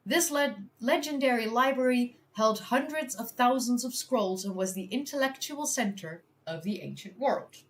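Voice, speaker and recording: A woman's voice: a little high, moderate pace, few pauses. A woman from the Netherlands, a native Dutch speaker, chatting on a live stream while she works through a history quiz. She thinks aloud, laughs often and pokes fun at herself. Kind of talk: casual live-stream chat.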